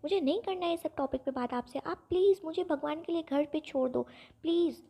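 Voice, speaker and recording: A woman's voice: high voice, a little fast, mellow. A woman reading a stubborn, hurt young woman. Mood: irritated. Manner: curt and pleading. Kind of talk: storybook dialogue reading.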